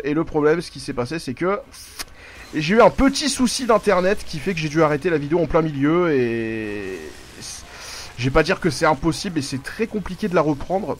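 A man narrating his own gameplay in a casual, rambling way, his voice sitting a little high. He swears freely and breaks off mid-sentence whenever something happens in the game. The talk runs on loosely, like chatting with viewers over a desk mic. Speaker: gaming YouTuber. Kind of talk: live gameplay commentary.

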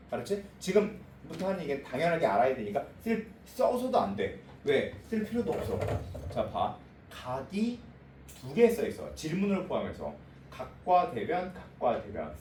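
A man's voice: on the high side, darkish tone. A male math teacher lecturing a class in a blunt, informal way, checking again and again that the students got it. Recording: echoey room, voice from a distance, faint noise.

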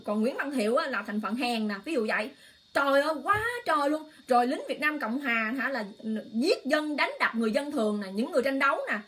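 High-voiced impassioned woman livestreamer. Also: lively intonation, brisk, fairly bright tone. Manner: impassioned, exclaiming, addresses viewers directly. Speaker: online livestream host. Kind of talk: emotional political talk to viewers.

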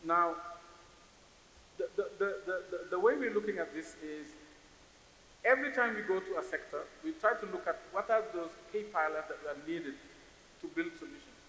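Speaking at normal speed with many pauses, the Senegalese investor in his forties sounds high-pitched, expressive and sharp. He weighs his words, often repeating them as he looks for the next phrase during the panel. A stage microphone on a stand in the large hall catches reverb and faint hiss.

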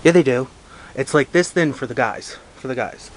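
A man's voice: medium pitch, normal speed. A young man interviewing a friend for his YouTube channel, joking cheekily and laughing often, outdoors. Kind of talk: casual chat. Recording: noisy outdoor recording.

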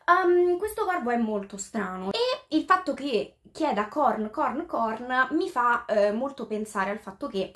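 A woman with a fairly high voice talks through a book chapter in a loose, casual way. She thinks aloud, stumbling and restarting as she goes, and every so often reads a passage aloud in English. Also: very animated, moderate pace, hardly any pauses, a bit bright. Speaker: book reviewer. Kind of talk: casual spoken book review.

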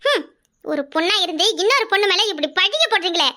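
A woman's voice: very high-pitched, very animated, fast talker, bright, forceful tone, exaggerated voice. A woman voicing a pleading, tearful middle-aged mother of a bride, speaking with a Kanyakumari Tamil accent. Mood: distressed. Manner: emotional, pleading, often on the edge of tears. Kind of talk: cartoon voice acting.

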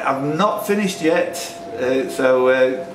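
Taking it slowly but animated, a mid-range-voiced quizmaster in his 60s reads pub quiz questions and jokes with the players. The indoor pub recording is echoey, with a distant mic and music playing behind.

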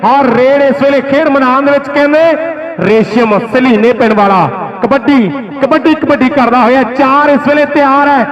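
A man giving rousing live kabaddi commentary, repeating phrases for emphasis. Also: extremely high pitch. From Punjab, India. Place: outdoor village sports ground. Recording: dull, echoey PA, crowd noise. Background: crowd.

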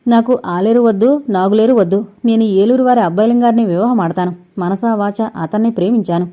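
A woman's voice: medium pitch, a little fast, mellow, natural voice. A woman voicing a determined young heiress in love, speaking earnestly in a dull lo-fi recording. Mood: pleading.

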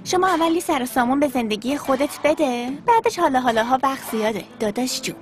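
An actress dubbing a defiant, sharp-tongued sister who talks back to her brother. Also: high voice, animated, faint music behind. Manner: defiant, mocking. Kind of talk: dubbed TV drama dialogue.

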